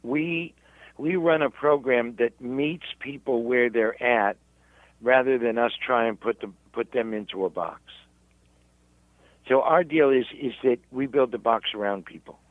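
A man, a rabbi, telling his story in an interview in halting, self-repeating speech. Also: medium pitch, no room sound, phone-quality sound. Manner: halting, repeats words while searching. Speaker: rabbi and guest.

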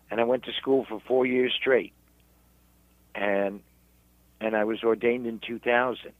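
Low-voiced rabbi on a tinny phone line. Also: male voice, no echo. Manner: halting, repeats words while searching. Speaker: rabbi and guest. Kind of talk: storytelling in a radio interview.

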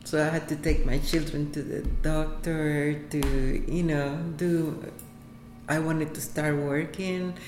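A Puerto Rican woman, Spanish her first language, answers questions in English during a casual interview about her work at a health center, halting often with fillers and laughter. Her voice sits low, steady, and a bit dark. The room echoes, with faint background noise.

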